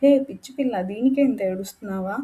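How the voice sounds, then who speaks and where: Storybook lover: quiet, teasing young man, mellow voice, woman reader doing him. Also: medium pitch, fast, natural voice. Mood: soft teasing.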